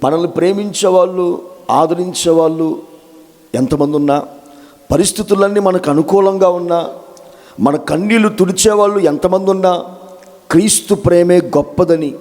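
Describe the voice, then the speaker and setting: A man's voice: sits high, normal speed, long pauses, a little mellow. Man preaching in an echoing hall. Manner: asks the congregation questions and answers them himself. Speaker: pastor. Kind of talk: sermon. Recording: long hall reverb.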